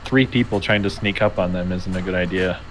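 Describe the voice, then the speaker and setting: A man's voice: low-pitched, fairly even intonation, brisk, a little hiss or hum, poor audio. A man player chatting casually at a tabletop game, rambling and joking.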